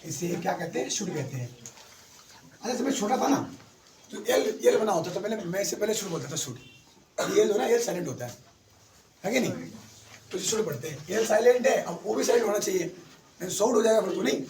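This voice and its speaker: A man's voice: sits high, lively intonation, a little fast, pauses often, darkish tone. A man teaching an English class, quizzing his pupils and calling them beta. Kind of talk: classroom lesson. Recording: echoey classroom from far off.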